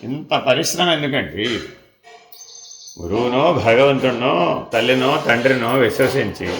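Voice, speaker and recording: A man's voice: medium pitch, a bit bright, roomy sound, slight background noise. A man giving a devotional discourse as a spiritual teacher, asking rhetorical questions and repeating refrains, sometimes dropping to a near-whisper.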